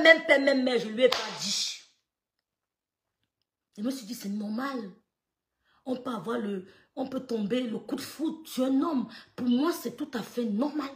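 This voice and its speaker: A woman telling a personal story in casual French, swinging between loud quoted lines and quiet asides, with stammers and laughs. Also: medium pitch, echoey room. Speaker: storyteller recounting gossip.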